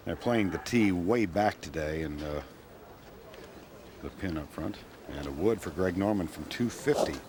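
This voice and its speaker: Man, golf commentator, deep pitch, clipped measured phrasing, noisy outdoor broadcast. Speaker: golf commentator, lead announcer on a hole. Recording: crowd and outdoor noise behind broadcast. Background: golf course crowd and outdoor ambience.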